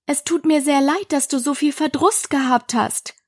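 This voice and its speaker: A woman's voice: sits high, moderate pace, voice pushed up, lightly acted. A woman voicing an earnest, bewildered little girl in a storybook reading, protesting and earnest.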